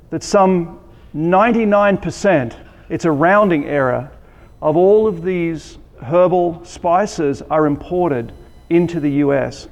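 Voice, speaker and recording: A man with an Australian accent giving a conference presentation, relaxed and joking, with many ums and restarts. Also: on the high side, in a large hall. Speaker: conference speaker. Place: conference hall.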